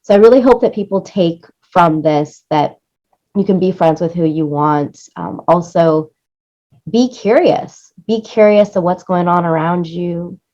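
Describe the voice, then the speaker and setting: A woman with a warm, lowish voice speaks at a measured pace as an interview guest; she works as a music supervisor and producer. She's enthusiastic and effusive, often repeating phrases for emphasis, and the audio has its highs cut off.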